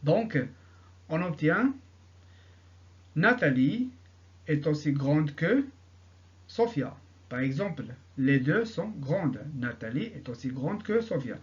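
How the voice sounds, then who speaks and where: A man teaching an English grammar lesson, repeating each example sentence slowly and answering his own questions. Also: fairly high pitch, very animated, dull audio.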